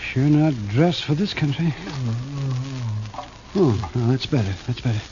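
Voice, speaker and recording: An actor playing a crusty, dry-witted older frontier doctor in a 1950s radio western, grumbling and muttering. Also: male voice, medium pitch, expressive, measured pace, mellow, natural voice. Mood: brisk, concerned. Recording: muffled, noisy old radio recording.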